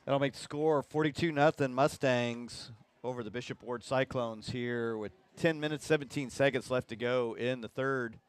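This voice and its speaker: A man doing color commentary on a high school football game, joking and self-deprecating as he gives the score. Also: moderate pace, few pauses, clear, resonant tone, no echo. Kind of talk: sports commentary.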